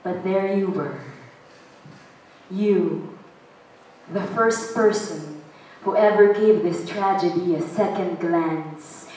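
A young woman performs spoken-word poetry at a stand mic, her slow, dramatic lines sometimes rising to shouts. Her voice sits a little low and carries through a very echoey hall, picked up from a distance with faint ambience behind. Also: slight background noise. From Philippines. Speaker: performance poet. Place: stage in a large hall. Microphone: stand mic, filmed from a distant camera.

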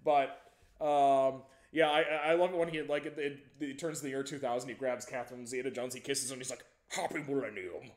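A man hosts a laid-back movie review show, talking in loose, rambling stretches. He stammers and restarts often and breaks into laughter easily. His voice sits at an everyday middle pitch. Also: level tone, fairly quick. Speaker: podcast host. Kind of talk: casual movie review chat.

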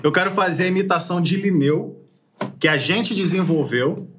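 A man's voice: high-pitched, normal speed, fairly bright tone, echoey room. A man in his thirties with a Brazilian accent, chatting in casual comedic banter. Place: dark indoor studio. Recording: faint background noise.

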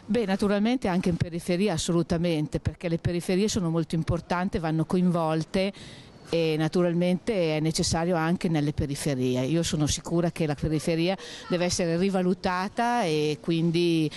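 A middle-aged woman giving a measured, thoughtful opinion into a handheld mic on an outdoor street. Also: fairly low pitch, fairly even intonation, a little mellow. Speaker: passer-by interviewed. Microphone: handheld interviewer mic.

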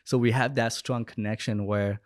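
In a casual interview, a young man from Bangladesh who coaches and runs his own business tells anecdotes as a podcast guest. He speaks at medium pitch with fairly even intonation and a moderate pace. No room sound comes through, as he's close on a podcast headset microphone in an indoor home room or studio.

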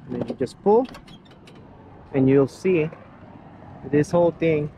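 A vehicle builder slowly shows off his own truck outdoors next to where it's parked, rambling casually with plenty of fillers and restarts. His expressive voice is a little high and mellow, and the rough recording picks up faint outdoor background noise.

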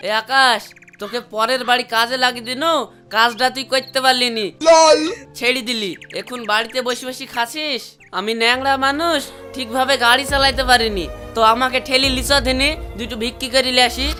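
A woman's voice: sits high, steady tone, brisk, sharp tone, soft background music. A woman voicing a lame old beggar father who scolds his son in rustic speech. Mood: scolding.

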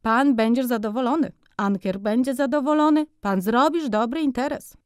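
A woman voicing a fawning, pushy male furrier who pitches his wares in broken, wheedling patter. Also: normal speed, clean tone, dry recording, studio quality, close to an everyday voice.

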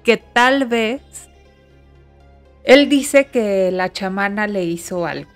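A woman's voice: medium pitch, lively intonation, slow pace, soft background music. A woman, co-hosting a podcast, chatting and offering thoughtful theories. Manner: reacts with short interjections and musing theories. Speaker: podcast co-host. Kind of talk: casual chat.

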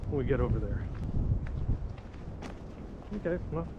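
A man's voice: mid-range voice, animated, unhurried, phone-quality sound. A man chatting casually and joking while hiking a wooded trail, recorded outdoors on a camera he carries. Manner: joking, laughs often. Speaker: hiking vlogger. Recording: wind noise on the mic.

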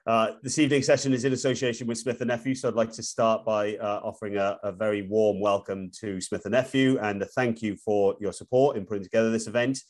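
A man in his forties hosts a live webinar from a room at home, heard through a laptop webcam on a video call. He speaks hesitantly with many fillers and restarts, at a quick pace with few pauses, in a fairly low, darkish voice with little pitch movement.

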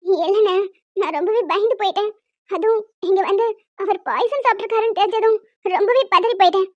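A woman voicing an emotional young wife in an animated drama, pleading and tearful. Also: very high-pitched, quick pace, no room sound. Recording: dull lo-fi dry sound.

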